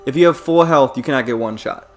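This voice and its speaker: A man's voice: medium pitch, fast talker, music in the background. A young man hosting a let's play, explaining the game to a friend in rambling, casual chat, swearing freely and laughing often.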